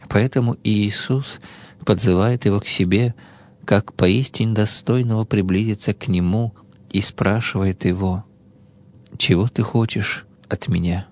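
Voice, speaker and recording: A man solemnly reading the Gospel and its commentary in a measured, intoning way. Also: on the low side, a little mellow, dry recording. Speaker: Orthodox reader of scripture and commentary.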